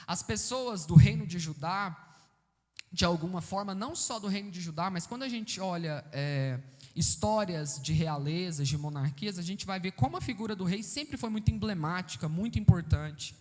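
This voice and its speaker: A man's voice: sits high, moderate pace, a little mellow. Brazilian guy preaching a sermon, explains things and asks the room questions, lots of hall echo. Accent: Brazilian Portuguese. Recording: reverberant church hall.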